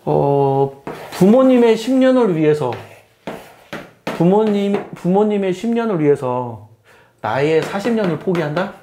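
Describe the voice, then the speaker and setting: A man's voice: sits high, sing-song, measured pace, dark tone, a little hiss or hum. A middle-aged man, a math teacher, giving a casual spoken lecture in a plain explaining tone. He often repeats phrases and puts questions to the listener.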